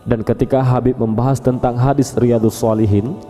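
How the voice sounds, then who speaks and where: A man narrating a religious story in a calm, steady storytelling manner. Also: medium pitch, moderate pace. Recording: long reverb over faint background music. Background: faint music.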